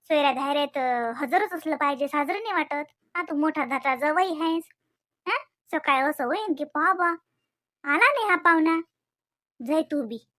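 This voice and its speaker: A woman voicing a calm, firm old village mother in a cartoon, with a coaxing way of talking. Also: high-pitched, normal speed, no echo, clean studio sound. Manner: soothing, coaxing, keeps asking "हा?".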